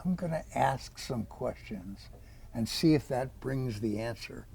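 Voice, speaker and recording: A man's voice: medium pitch, animated, measured pace, creaky, darkish tone. A man in his eighties, an author, answering interview questions with rambling, folksy stories full of quoted dialogue. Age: 80s.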